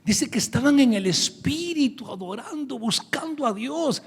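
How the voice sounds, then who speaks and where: A male pastor giving a lively sermon, telling a story and acting out the characters' lines. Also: very high-pitched, normal speed, slightly rough. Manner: animated storytelling, acts out the prophet's lines. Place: church sanctuary. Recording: preaching in a reverberant hall.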